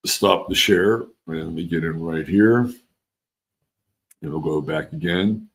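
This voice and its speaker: His voice sits low and gravelly, and he takes his time. The host of a laid-back livestream, he has a California-meets-East-Coast accent, reads comments from viewers, and rambles loosely, trailing off, restarting, and cursing offhandedly.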